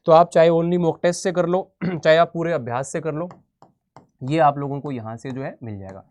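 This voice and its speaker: A man's voice: on the high side, moderate pace, a little mellow. A man teaching exam strategy in an informal lesson, talking directly to students with casual, blunt encouragement. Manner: direct, addresses students as "beta" and "yaar".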